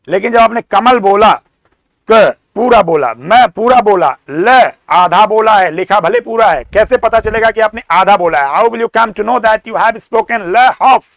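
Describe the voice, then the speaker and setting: A man with an Indian accent giving a classroom lecture, explaining slowly, repeating and sounding out words. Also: high voice, creaky, a bit bright, no echo. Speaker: teacher.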